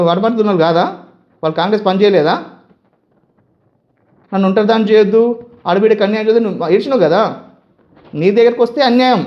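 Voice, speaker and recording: A man with a high voice and a Telangana Telugu accent, a youth leader of a community association, makes an angry political statement over lo-fi audio. He scolds his target with a string of heated rhetorical questions.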